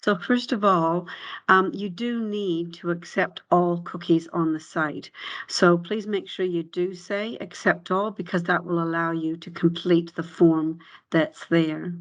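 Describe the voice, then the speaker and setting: A woman presents an online info session on a video call, explaining the steps in a relaxed way with frequent ums and uhs. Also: on the low side, measured pace, muffled recording. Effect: heard on a video call. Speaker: recruitment presenter.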